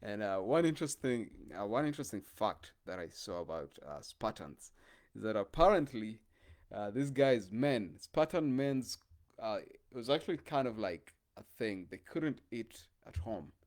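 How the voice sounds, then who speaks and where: Guy with a real low voice just musing out loud, lots of uh and um. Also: animated, moderate pace. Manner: rambling, hesitant, many fillers. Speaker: podcast host. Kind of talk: casual monologue.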